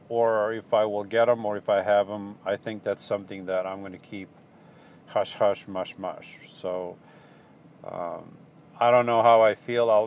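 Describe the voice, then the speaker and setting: A fairly low-pitched man with a Portuguese accent, a van-life vlogger, casually responds to viewer questions in a live Q&A chat. His speech is halting and rambling, full of ums and restarts.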